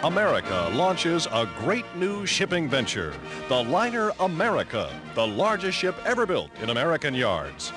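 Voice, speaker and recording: A man narrates an old newsreel like a dramatic, emphatic announcer while a clear music score plays beneath. His fairly high voice makes huge, expressive swoops in pitch, and he keeps a moderate pace with few pauses.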